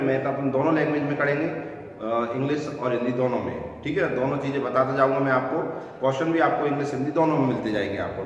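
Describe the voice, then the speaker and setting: A man's voice: mid-range voice, highs cut off. Male math coach lecturing a class; patient and repetitive; recorded from far off in a reverberant room, faint hiss. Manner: patient, repeats "ठीक है ना" to check in. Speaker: math teacher. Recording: echoey room from a distance with faint noise.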